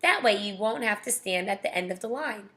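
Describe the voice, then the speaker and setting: A woman voicing a sweet, confident schoolgirl who talks quickly and gushes. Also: mid-range voice, expressive, bright, forceful tone.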